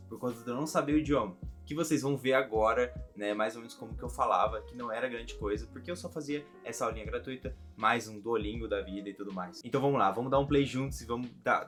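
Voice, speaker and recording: Brief: young Brazilian guy, casual chatty vlogger, laughs easily, mid-pitched voice, soft music underneath. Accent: Brazilian Portuguese. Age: young adult. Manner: chatty, laughs often, repeats himself. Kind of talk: casual reaction vlog.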